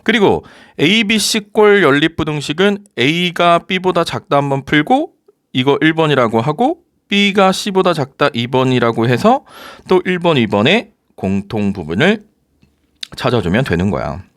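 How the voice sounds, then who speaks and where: Lively, coaxing male math teacher. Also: a little high, measured pace, no room sound, studio quality. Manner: lively, coaxing, asks rhetorical questions. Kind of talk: recorded math lecture.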